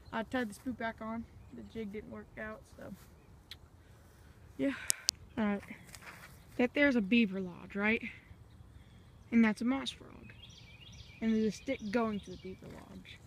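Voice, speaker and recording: A woman talks casually into a handheld phone while fishing outdoors, rambling to her viewers in a slightly high voice. Faint nature noise sits behind her speech. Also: vocal fry. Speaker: fishing vlogger. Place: outdoors at a pond bank.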